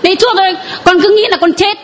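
A woman's voice: very high voice, fairly even intonation, fast talker. A woman in the congregation giving a spoken testimony of healing to the priest, earnest and sometimes laughing.

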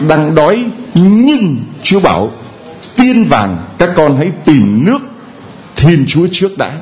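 Lively, playful male priest preaching. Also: fairly high pitch, a little hiss or hum. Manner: playful and humorous, acting out quoted voices. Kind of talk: sermon to a congregation.

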